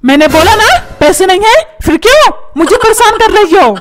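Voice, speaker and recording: A woman's voice: very high-pitched, lively intonation, normal speed, faint music behind. A woman voicing a hot-tempered, stingy cartoon father who scolds and barks orders. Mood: scolding. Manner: scolding, bossy, shouting orders.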